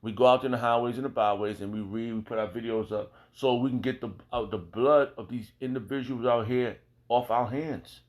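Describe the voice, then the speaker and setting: Teaching scripture in a relaxed, emphatic way, an American religious teacher repeats key phrases and checks in through rhetorical questions. His medium-pitched voice holds a steady tone, moving a little fast with hardly any pauses.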